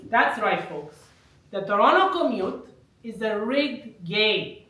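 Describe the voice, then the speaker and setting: A woman's voice: medium pitch, expressive, slow pace, a bit bright. A woman comedian doing live prop stand-up, delivering wry wordplay and chuckling at her own jokes. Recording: echoey room, mic at a distance.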